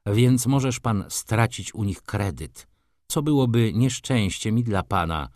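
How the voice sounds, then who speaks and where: A stern middle-aged merchant, as a male reader puts him on, talks low and hushed in a hollow voice. Each word comes slow and measured, coldly formal. The sound is close and dry in an audiobook. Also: lively intonation, no echo. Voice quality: hollow, muted voice. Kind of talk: audiobook character reading.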